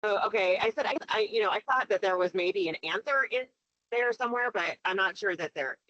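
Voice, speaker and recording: A woman's voice: medium pitch, fairly bright tone, no room sound. A woman on a conference call that breaks up, speaking hesitantly and correcting herself in a work meeting. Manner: hesitant, halting and self-correcting. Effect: conference call audio, breaking up. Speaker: committee member drafting defense standards. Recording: muffled lo-fi call line.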